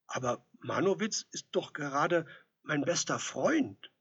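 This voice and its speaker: A man's voice: on the high side, expressive, measured pace, fairly bright tone, breathy edge, pitched above the performer's own voice, full character voice. A man voicing an anxious, timid ordinary man who speaks hesitantly. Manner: hesitant, uneasy. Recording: dull lo-fi recording.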